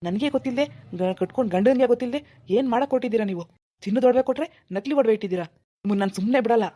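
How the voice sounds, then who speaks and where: A woman voicing an angry village husband in a cartoon, accusing and threatening in a fast, dark voice. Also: on the high side, lightly acted. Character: furious village husband, middle-aged man. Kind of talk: cartoon voice acting.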